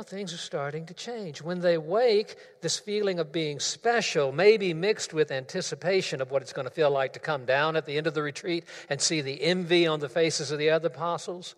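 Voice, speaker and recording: Male pastor, fairly high voice, deliberate sermon delivery, recorded in an echoing sanctuary. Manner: measured, repeats phrases for emphasis, leads call-and-response. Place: church sanctuary. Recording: long reverb of a church hall.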